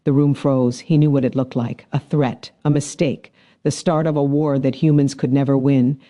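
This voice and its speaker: Mellow male story narrator. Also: medium pitch, steady tone. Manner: measured, dramatic storytelling. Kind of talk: scripted narration.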